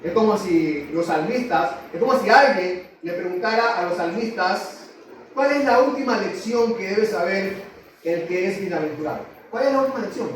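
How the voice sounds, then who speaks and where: A man preaches in a church hall, teaching patiently and putting questions to his listeners. His voice is high. It rings with heavy echo and comes from some distance off the mic, with a faint room hum behind. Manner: teaching, asks the congregation questions. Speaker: pastor. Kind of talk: sermon.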